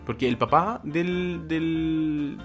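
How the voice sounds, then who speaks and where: A man's voice: fairly high pitch, very slow, soft background music. A young man with a Chilean accent, co-hosting a podcast, rambling and searching for words. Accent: Chilean Spanish. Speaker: podcast co-host. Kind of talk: casual chat.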